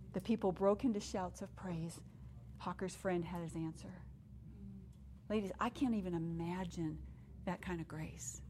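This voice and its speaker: A middle-aged woman preaching a sermon at a women's gathering, earnest and emotional, dropping to hushed tones and rising when excited. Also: mid-range voice, a little hiss or hum. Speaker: women's conference speaker. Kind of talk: sermon with personal story.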